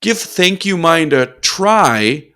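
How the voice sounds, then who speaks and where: A man's voice: a little high, sing-song, takes it slowly, sharp tone, smooth. A man coaching in a motivational video lesson, upbeat with playful asides.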